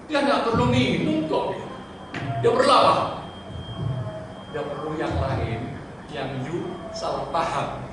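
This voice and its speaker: An older man, a pastor, teaching a seminar sermon who mixes English phrases into his talk and swings between loud emphatic bursts and quiet low asides, recorded from far off in a large hall. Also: lively intonation, slow pace, pauses often. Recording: very echoey hall, distant mic, noisy.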